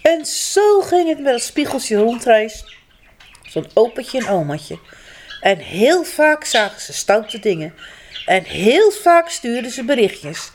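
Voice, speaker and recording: A woman reads a children's story aloud, gentle and expressive. She speaks slowly, in a high voice that swings widely. Faint noise sits behind her.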